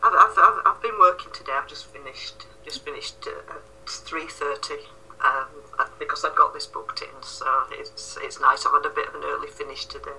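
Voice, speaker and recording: A woman's voice: sits low, moderate pace, pushed and bright, slight background noise, low-quality recording. A woman, a guest author speaking from her office, cheerful and often repeating words as she starts. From Yorkshire, England.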